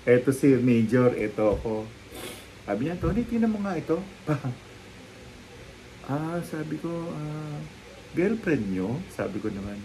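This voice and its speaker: A man chatting casually as a guest on a live talk show, telling lively anecdotes and acting out the people in them. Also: fairly high pitch, unhurried, pauses often, background noise. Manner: lively storytelling, acting out quoted people, frequent laughs. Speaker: guest storyteller, psychic. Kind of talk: casual chat, animated anecdotes.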